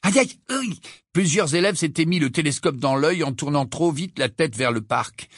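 Male audiobook narrator, dramatic and bright, husky edge, dry close sound. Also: fairly high pitch, moderate pace, dry recording. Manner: expressive, dramatic reading. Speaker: audiobook reader.

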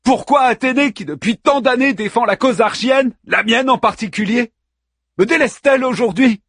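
A man playing a grief-stricken, furious young warrior hero who cries out and pleads, often shouting. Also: extremely high pitch, normal speed, breathy edge, no echo, clean studio sound, voice pushed up, full character voice. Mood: anguished.

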